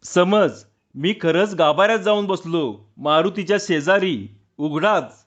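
A man's voice: high voice, lively intonation, unhurried, a bit bright, highs cut off. A man voicing a mischievous young male prankster friend in a storybook reading, with a sly, teasing manner.

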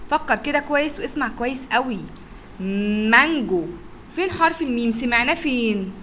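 A woman with an Egyptian Arabic accent, teaching a phonics lesson to young children. She stretches words out slowly to sound out letters and praises the class often. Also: high-pitched, a bit bright, slight background noise. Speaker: kindergarten teacher.

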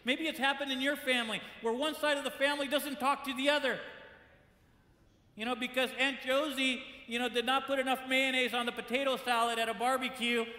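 High bright-voiced guy preaching, chatty, acts out little quotes, big echoey church sound. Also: flat delivery, brisk. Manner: conversational, acts out quoted complaints. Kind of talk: sermon. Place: church sanctuary. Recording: echoey church hall with long reverb.

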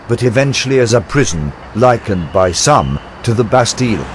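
A man's voice: fairly low pitch, background noise. An older man, narrating his travel video in a chatty, wry, self-deprecating way.

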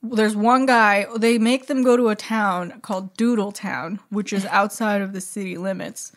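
A woman's voice: medium pitch, steady tone, normal speed. Casual swearing woman podcaster. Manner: blunt, swears freely, laughs while talking. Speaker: podcast co-host. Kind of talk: casual book club chat.

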